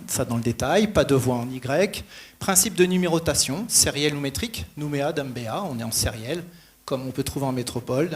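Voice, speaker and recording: A man giving a conference presentation in a quick, informal way, often correcting himself. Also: fairly high pitch. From New Caledonia.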